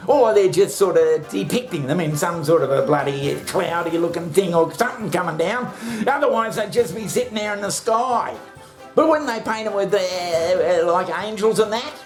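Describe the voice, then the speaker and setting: A man rants in a casual, comic way, blunt and sweary, with plenty of fillers and laughter. Music plays clearly underneath him. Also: sits high, lively intonation, moderate pace. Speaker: commentator on the show.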